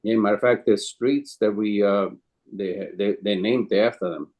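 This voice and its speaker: Speaking English with an Italian accent, a Calabrian man in his sixties, a chef and caterer, recounts his story as an interview guest. His fairly low, steady voice is a little mellow, and his delivery wanders, hesitant, with frequent pauses and some non-native phrasing.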